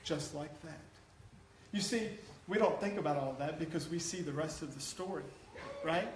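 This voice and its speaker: In an echoey church sanctuary, a pastor speaks at normal speed in a slightly high voice, with a little hiss or hum on the recording. His sermon starts conversational and jokey with the congregation, then rises to a passionate exhortation.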